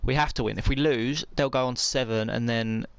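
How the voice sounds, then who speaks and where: A young man giving excitable play-by-play commentary on a football video game while he plays. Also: mid-range voice, normal speed, clean tone, no room sound. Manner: excitable, talks to himself while playing. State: out of breath. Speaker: gaming commentator.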